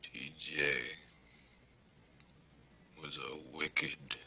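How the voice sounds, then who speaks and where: An actor playing a frail, fearful very old retired schoolteacher who speaks haltingly and reluctantly in a television drama. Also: male voice, extremely low pitch, steady tone, pushed and bright, full character voice. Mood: fearful, haunted. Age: 80s. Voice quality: creaky, very old man's voice. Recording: dull, noisy TV soundtrack.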